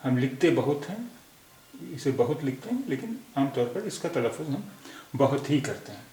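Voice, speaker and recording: A man from India teaching a language lesson, patiently going over spelling corrections and repeating each word with many pauses. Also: mid-range voice, sing-song, darkish tone, echoey room.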